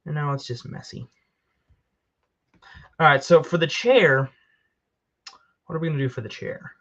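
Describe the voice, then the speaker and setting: A man's voice: on the high side, moderate pace, fairly bright tone, muffled recording. A man casually commenting while he builds with Lego, rambling and joking at himself as he works. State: tired.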